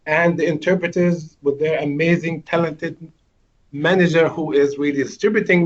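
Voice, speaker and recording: A man with an Arabic accent speaks in a fairly high register. He gives an earnest, informal presentation with halting, wordy phrasing. The audio is dull and muffled, like an online meeting. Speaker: interpreter.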